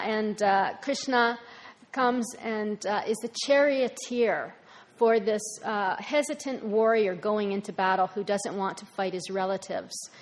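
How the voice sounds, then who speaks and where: A woman giving an informal talk, explaining religious figures in a measured way. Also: mid-range voice. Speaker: speaker at a talk.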